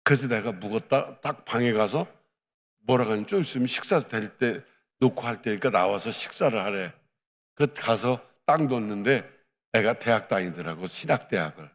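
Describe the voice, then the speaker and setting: A male pastor telling a lively personal story in a sermon, acting out the dialogue as he goes. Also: on the low side, moderate pace, big-room sound. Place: church hall.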